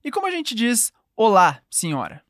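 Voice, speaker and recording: A woman's voice: on the high side, wildly swooping pitch, normal speed, no room sound, studio quality. A woman with a Brazilian Portuguese accent teaching a call-and-response language lesson, patiently modelling phrases for the listener to repeat.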